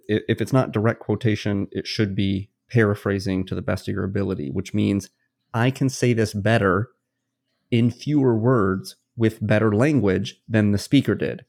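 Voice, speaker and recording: A man's voice: fairly low pitch, darkish tone. A man co-hosting a podcast as a game master, explaining his ideas at length in a casual, long-winded way with plenty of worked examples. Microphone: podcast studio mic.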